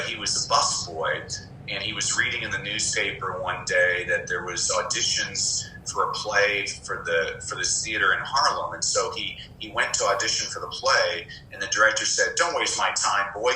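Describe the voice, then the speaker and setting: A man being interviewed, a former English teacher who tells lively anecdotes and slips into voices he mimics. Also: fairly low pitch, roomy sound, a little hiss or hum, rough recording. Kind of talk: conversational interview storytelling.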